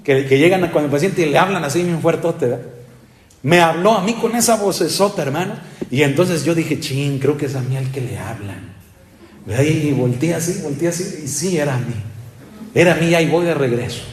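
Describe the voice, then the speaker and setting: A pastor delivers a sermon in a high, lifting voice. He tells his story in bursts, leaning on drawn-out words and asking his listeners question after question. The room is echoey, like a church sanctuary. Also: slight background noise. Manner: animated preaching, frequent pitch leaps and drawn-out emphatic words; storytelling, peppers speech with rhetorical tags to the congregation.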